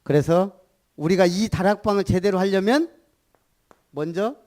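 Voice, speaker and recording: Animated high-voiced preaching man. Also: unhurried. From Gunsan, Jeolla, South Korea. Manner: animated preaching, calls for repetition, rhetorical questions. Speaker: pastor. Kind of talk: sermon.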